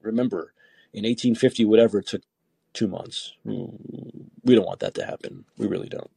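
Gravelly-voiced man hosting a call-in show. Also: fairly low pitch, sing-song, moderate pace, mellow. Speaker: podcast host.

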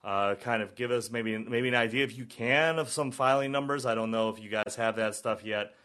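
An American man hosting a political interview show casually, halting and circling back on his phrases. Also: mid-range voice, fairly bright tone.

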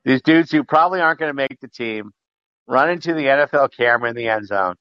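An easygoing man co-hosting a podcast, chatting through a football game as it airs. He asks questions and praises good plays, at a middling pitch. The audio is dry and slightly dull, like a lo-fi call. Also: expressive, fast talker, no echo. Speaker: podcast co-host. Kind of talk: casual live game commentary.

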